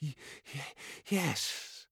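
A man's voice: extremely slow, no room sound, studio quality. A man voicing a proud male sorcerer who is cornered and frightened, stammering and pleading. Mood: stammering fear. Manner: stammering, pleading, then defiant shouts.

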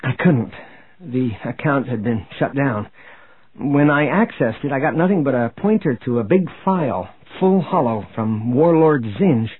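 A man's voice: mid-range voice, expressive, a little slow, slightly rough, dry recording. A man voicing an eager young male technician officer in an audiobook. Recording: tinny phone-like audio.

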